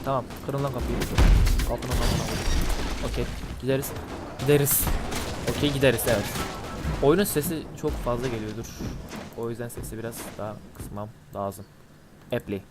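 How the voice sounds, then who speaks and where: Man, blocked nose, nasal voice, casual game commentary, frequent swearing, loud game music and gunfire behind. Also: mid-range voice, moderate pace. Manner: swearing, excitable outbursts at the game. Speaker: gameplay commentator. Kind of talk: casual let's-play commentary.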